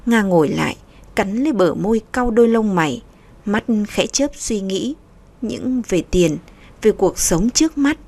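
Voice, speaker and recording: A woman narrating a story in an even, unhurried storytelling manner. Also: mid-range voice, vocal fry.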